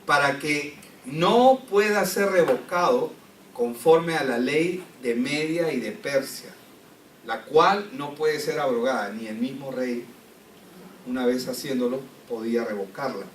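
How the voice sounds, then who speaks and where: A man's voice: medium pitch, a little slow, slight background noise. Man teaching Bible class in echoey room. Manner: reads scripture aloud and explains it, asking the class questions. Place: church classroom. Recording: echoey room, distant mic, faint ambience.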